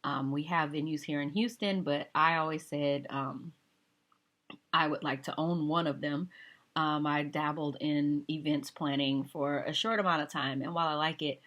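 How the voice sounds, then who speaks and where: Woman in her 30s with a low speaking voice, vlogger, chatty and self-mocking, slips into whispered asides. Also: steady tone, moderate pace, fairly bright tone. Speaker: vlogger and opera singer. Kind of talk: casual talk to camera.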